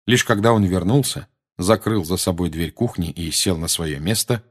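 A man's voice: low-pitched, normal speed. A man narrating an audiobook expressively, giving each character a voice. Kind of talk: audiobook reading.

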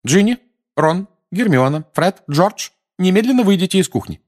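A man with a husky voice reading aloud, putting on a fierce, protective middle-aged mother witch who talks in an indignant, commanding way. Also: on the high side, sing-song, moderate pace, pitched above the performer's own voice.

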